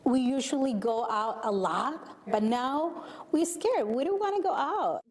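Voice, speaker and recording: A middle-aged mother from Guerrero, Mexico, speaking in an interview in halting, emotional, simple phrases. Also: high voice, animated. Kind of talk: personal interview. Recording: long hall reverb.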